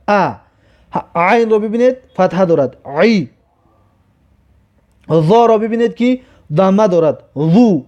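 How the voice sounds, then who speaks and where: A patient teacher with a Tajik accent walks learners through a reading lesson, drawing out each word slowly and repeating it. His voice sits a little high for a man but sounds dark and mellow. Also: lo-fi sound. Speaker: Arabic alphabet teacher. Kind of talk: slow, repetitive reading lesson.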